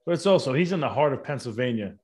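A man's voice: medium pitch, expressive, fast talker, darkish tone. An American man interviewing in a casual, bantering, slangy way, as one fighter to another. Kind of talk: casual chat.

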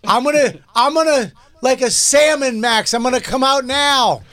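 A man doing a comic, strained call from deep inside a water slide tube, pitched well up and pushed hard. He sounds trapped and breathless yet keeps insisting he is fine, the words carrying out of a long tube. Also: moderate pace, fairly bright tone, a little hiss or hum. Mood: reassuring, strained. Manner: high, strained, comic calling. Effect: voice calling from inside a tube. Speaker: radio show co-host. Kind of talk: comic casual chat.

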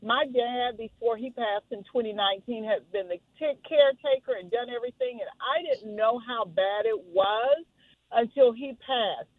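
A woman's voice: a little high, normal speed, no echo. A woman calling into a radio show, sharing her story in a candid, conversational way over the phone. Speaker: caller. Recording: phone line.

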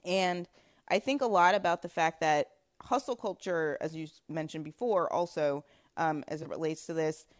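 Chatty woman podcast host, low-pitched. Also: moderate pace. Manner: chatty, frequent fillers and laughs. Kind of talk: casual conversation.

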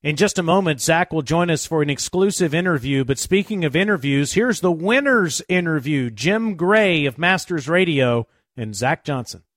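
A man's voice: a little high, lively intonation, moderate pace, fairly bright tone, dry recording. A man narrating a golf tournament recap as a show host.

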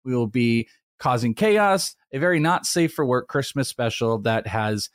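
A man's voice: medium pitch, lively intonation, unhurried, no echo, clean studio sound. A man hosting a podcast with casual, slangy, teasing banter. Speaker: podcast host.

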